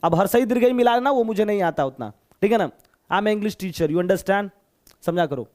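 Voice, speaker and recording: A man's voice: high-pitched, animated, moderate pace, a little mellow. A man from Bihar teaching English in a live online class, speaking Hindi with a Bihari accent, chatty and joking as he coaxes his students. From Bihar, India.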